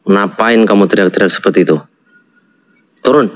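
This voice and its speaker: A man's voice: lowish voice, normal speed, poor audio. A man hosting an unscripted horror vlog, talking urgently and crying out religious exclamations. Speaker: horror vlog host, spiritual guide.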